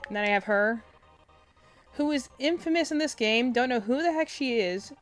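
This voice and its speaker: A soft-spoken young woman streaming games rambles casually in live-stream chat, full of fillers and cutting herself off. Her soft, quiet voice sits on the high side, expressive and at a moderate pace, picked up by a desk mic close to her face with soft music in the background.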